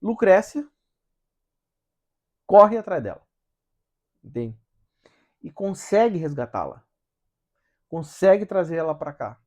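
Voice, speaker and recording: A man's voice: high voice, sing-song, slow, long pauses, darkish tone. A man hosting a book study, explaining chapters in a casual, conversational way and often checking in with tag questions.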